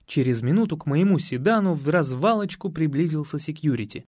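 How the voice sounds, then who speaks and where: A man narrating a first-person audiobook in a measured, wry storytelling manner. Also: a little high, expressive, a little mellow, no echo, clean studio sound.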